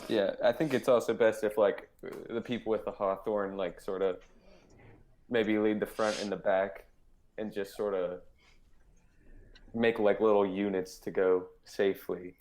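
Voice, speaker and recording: Easygoing low-voiced male player. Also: flat delivery, unhurried, darkish tone. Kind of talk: casual chat during a tabletop game.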